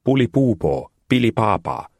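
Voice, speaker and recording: A man's voice: medium pitch, big pitch swings, a little mellow, dry recording, studio quality, pitched above the performer's own voice. A man voicing a cocky boy who chants nonsense rhymes in a storybook reading. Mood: chanting.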